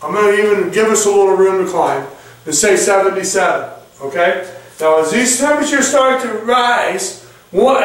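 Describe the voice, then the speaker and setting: A product presenter with a high-pitched, fairly bright voice gives a live demonstration, reading temperatures aloud like an auctioneer and checking in with a folksy "okay?". The room is echoey and the mic sits far off.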